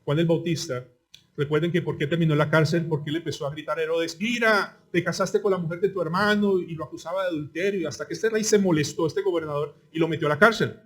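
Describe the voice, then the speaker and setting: A man with a Colombian Spanish accent preaching a sermon as pastor, asking rhetorical questions and swinging between loud outbursts and quiet asides. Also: a little high, steady tone, quick pace.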